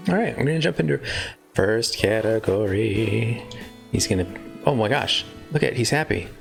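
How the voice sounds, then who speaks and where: A man's voice: on the low side, lively intonation, normal speed, gravelly. A man chatting casually on a live stream, rambling and breaking off mid-sentence to joke. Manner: chatty, rambling, self-interrupting. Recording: faint guitar music behind.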